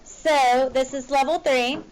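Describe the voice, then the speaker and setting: Woman, teacher to class, high voice, informal, instructing step by step, slight background noise. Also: steady tone, slow, low-quality recording. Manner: informal, directive, checking students follow along. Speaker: math teacher. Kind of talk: teacher talking to a class, working through examples.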